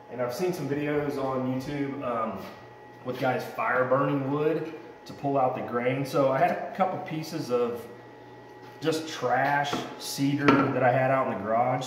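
A man in his thirties, a home renovation vlogger with a mid-range voice, casually walks viewers through a DIY woodworking project in a large unfinished basement, chatty and rambling. His camera-mounted mic sits a few steps away, so he sounds far off and off-mic, with slight background noise in the roomy, echoey space.

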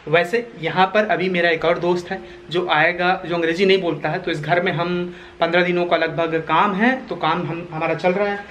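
A man's voice: high voice, fairly even intonation, brisk, fairly bright tone. A man in his thirties, talking earnestly to a camera held at arm's length as a vlogger, explaining at length. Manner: earnest, explaining, repeats points. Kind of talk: casual vlog talk to camera. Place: bare house interior and outdoors. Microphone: handheld camera at arm's length. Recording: echoey empty room with faint noise.

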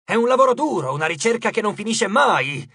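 A mocking, cruel god of love speaks slowly and deliberately, as a male audiobook narrator puts him on. Each word is stretched out and pressed forward with a loud, taunting weight. The voice sits fairly high for a man. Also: expressive, husky, dry recording, studio quality, full character voice. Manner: slow, drawn-out, taunting delivery.

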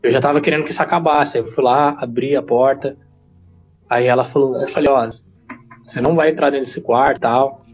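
A man who is a podcast guest, telling a personal story in a casual, slangy and animated way. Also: mid-range voice, husky, highs cut off, soft background music. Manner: slangy, rapid, animated retelling.

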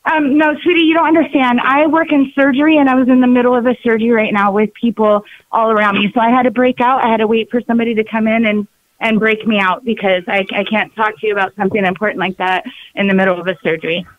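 A woman's voice: fairly high pitch, steady tone, fast talker. A middle-aged woman on speakerphone from a hospital, talking on a phone call in a polite but firm way. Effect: on speakerphone over a phone line. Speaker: prank call target. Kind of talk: phone conversation. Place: at work in a hospital. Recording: tinny dry phone line.

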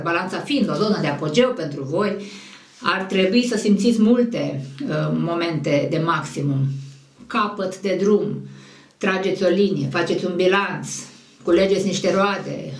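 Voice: mid-range voice, roomy sound, far from the mic. An astrologer giving a monthly horoscope in a conversational, digressive way that often corrects itself.

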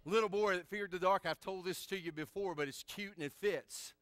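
A male pastor preaching a sermon in church, emphatic and animated, with joking asides. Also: high-pitched, a little fast, clear, resonant tone, no room sound.

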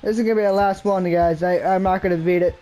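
A man's voice: sits high, steady tone, fast talker, dark tone. A man playing a horror game with a friend, jumpy, easily startled and complaining in casual let's-play chat.

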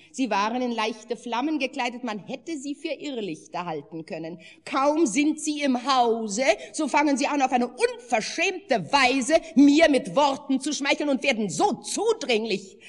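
A tearful old peasant wife, as a woman puts her on in a fairy-tale reading. Her voice rides high and swings widely as she pours out indignant complaint. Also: big-room sound. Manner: wailing and indignant, rushing in complaint.

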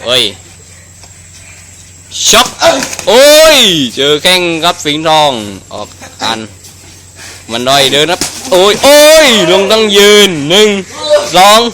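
A man doing excited Muay Thai boxing commentary, full of exclamations and rapidly repeated phrases. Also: high voice. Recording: noisy live event recording.

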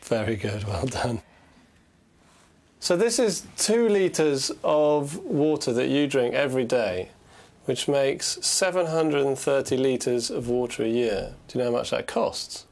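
A man's voice: mid-range voice, expressive, measured pace, vocal fry, a little mellow. A man presenting a reality TV show, reassuring at times and blunt at others.

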